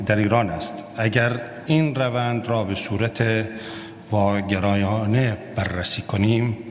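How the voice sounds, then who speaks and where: A man with an Arabic accent in his Persian gives a formal prepared political speech, halting and often repeating words. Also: on the low side. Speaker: political party representative, congress speaker. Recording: noisy echoing hall sound.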